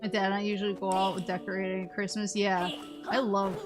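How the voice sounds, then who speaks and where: A woman's voice: mid-range voice, flat delivery, brisk. Casual woman game streamer over music. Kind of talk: casual chat while playing a video game. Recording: music playing behind the voice.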